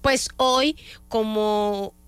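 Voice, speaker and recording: A woman's voice: fairly high pitch, extremely slow, a bit bright, clear, resonant tone, no echo. A woman from the Dominican Republic with a Dominican Spanish accent, hosting a morning music radio show in a chatty way, with fillers and self-corrections. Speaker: radio host.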